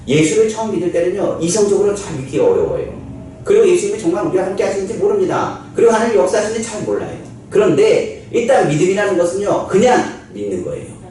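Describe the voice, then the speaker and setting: Echoing preacher, lively pitch swings. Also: male voice. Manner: preaching with rhetorical questions and dramatic quoted lines. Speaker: pastor. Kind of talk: sermon. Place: church sanctuary. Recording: echoey church hall, distant mic, faint noise.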